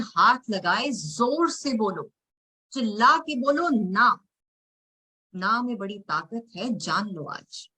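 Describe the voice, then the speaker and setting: Slow-spoken woman reciting spoken word poetry. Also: medium pitch, slightly rough, low-quality recording. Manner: dramatic, with big swings between soft and loud lines. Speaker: poet. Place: home, online event. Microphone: video call.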